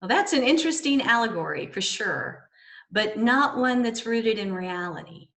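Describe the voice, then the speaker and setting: A woman minister giving a sermon in a measured, gently wry way. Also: a little high, expressive.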